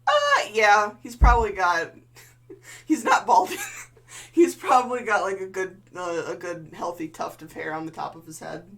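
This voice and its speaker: A woman's voice: mid-range voice, very animated, moderate pace, a bit bright. A woman improvising tabletop game narration as game master, in a vivid, casual, sweary manner.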